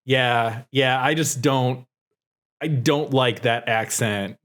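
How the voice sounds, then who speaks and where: A man's voice: mid-range voice, takes it slowly, fairly bright tone. A man co-hosting a podcast, telling stories in casual chat, rambling and profane with lots of fillers. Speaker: podcast co-host.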